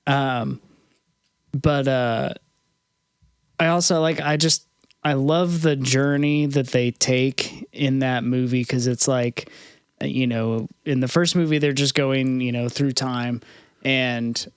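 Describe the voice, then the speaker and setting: A man with a smooth, clear mid-pitched voice chats easily as a podcast co-host. His manner is relaxed and laughing. The sound is dry and close. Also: slow, no room sound. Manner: easygoing, laughs through his talk. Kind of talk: casual chat.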